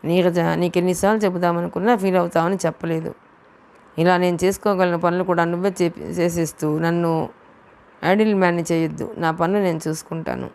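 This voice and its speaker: A woman voicing a stern, quick-tempered young man in an audiobook novel, speaking harshly and scolding. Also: lowish voice, steady tone, a little mellow, clean tone, close to an everyday voice.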